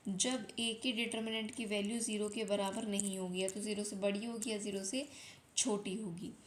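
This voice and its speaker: A young woman teaching an exam revision lesson in mathematics, explaining step by step, repeating key points slowly and often checking that students have understood. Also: medium pitch, little pitch movement, slight background noise. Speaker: maths teacher.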